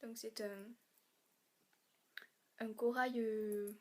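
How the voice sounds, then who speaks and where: A young woman from France with a lilt, talking through a makeup haul in a chatty, stop-start way. Her voice sits a touch high and is fraying, as if she is losing it, with the odd throat clear. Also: level tone, warm tone. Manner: chatty, halting, many fillers and restarts. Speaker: beauty vlogger. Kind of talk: casual haul vlog.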